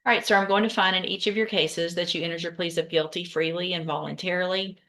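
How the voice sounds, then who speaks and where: A woman judge with a low-pitched voice presides over a courtroom. She speaks in a formal, procedural way, with a brisk, direct and commanding manner. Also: a bit bright.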